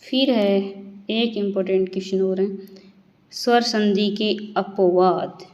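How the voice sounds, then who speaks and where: A woman teaching grammar in a slow, step-by-step way, asking questions and then answering them herself. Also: mid-range voice, steady tone, darkish tone, echoey room, muffled recording. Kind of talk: classroom explanation.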